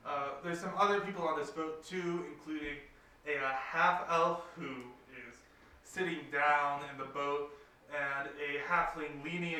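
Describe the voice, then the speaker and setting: A man runs a tabletop game, narrating scenes in a rambling way with plenty of fillers. His voice is bright and a bit high. He sits back from the mic in a roomy, echoing space. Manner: meandering with many fillers. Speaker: game master. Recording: roomy room, distant mic, faint noise.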